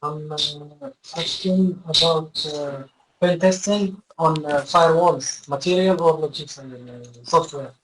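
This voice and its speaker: Student from Morocco, halting delivery, noisy distant call line. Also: male voice, a little high, steady tone. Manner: halting, searching for words. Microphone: video call.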